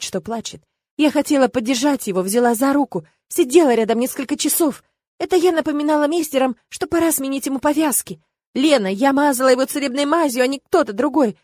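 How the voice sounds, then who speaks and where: A woman's voice: fast, darkish tone, no room sound, clean studio sound, lightly acted. A woman voicing a young, hot-tempered and easily offended girl who bursts out indignantly in an audiobook. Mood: aggrieved. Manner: shrill indignant outbursts. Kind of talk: audiobook character voice.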